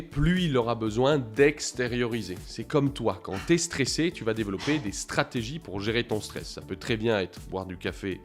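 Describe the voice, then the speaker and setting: A man, a dog trainer, explaining dog behaviour straight to the viewer in an animated way. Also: mid-range voice. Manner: animated, addresses viewer directly, acts out owners. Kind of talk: educational video monologue.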